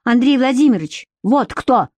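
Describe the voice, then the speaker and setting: A woman reading as a bossy female personal assistant who scolds and shouts when angry. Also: fairly high pitch, animated, normal speed, no echo, voice pushed up. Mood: indignant.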